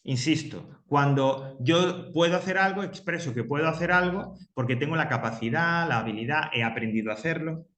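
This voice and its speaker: A man's voice: a little high, moderate pace, few pauses, fairly bright tone, reverberant. A man teaching English grammar to a class, patiently explaining and repeating example sentences. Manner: patient, repeats key points, reads example sentences aloud.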